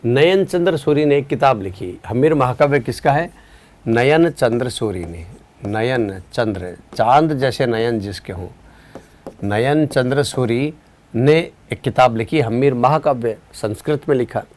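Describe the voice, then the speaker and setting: Man teaching a live online class, calm and unhurried, tired end-of-day energy, mid-pitched voice, quizzes students.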